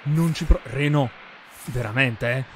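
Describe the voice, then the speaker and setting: A man's voice: medium pitch, measured pace, a little hiss or hum. A man in his thirties giving casual live gameplay commentary, muttering, exclaiming and swearing freely into a close desk mic. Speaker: game streamer. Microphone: desk microphone close to mouth. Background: game music and sound effects.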